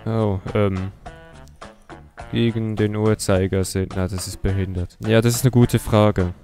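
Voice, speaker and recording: Young male YouTuber, low voice, slow delivery, sarcastic and mocking. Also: steady tone, warm tone, soft background music. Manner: mocking, sarcastic, laughs often. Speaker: YouTuber host. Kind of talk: comedic commentary on a chat.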